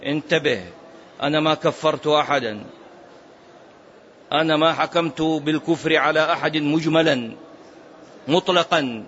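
High-voiced man preaching emphatically. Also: a bit bright, dull audio, slight background noise. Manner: emphatic, rhetorical, sometimes chants phrases. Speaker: Islamic preacher. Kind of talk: religious lesson.

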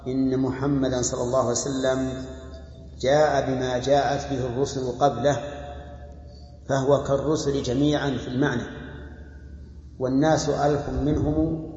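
A man's voice: medium pitch, darkish tone, muffled recording. Man lecturing on verse in an echoey hall. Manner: explanatory, quotes verses and sources, clears throat. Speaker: teacher explaining poetry. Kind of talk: lesson commentary on classical verse.

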